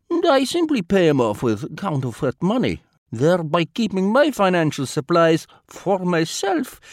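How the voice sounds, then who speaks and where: A man's voice: a little high, darkish tone, no echo, studio quality. A man voicing a pompous, sly foreign spy who speaks broken English in a florid, self-satisfied way. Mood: wistful. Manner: broken English dropping articles, florid and smug. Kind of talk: storybook character voice.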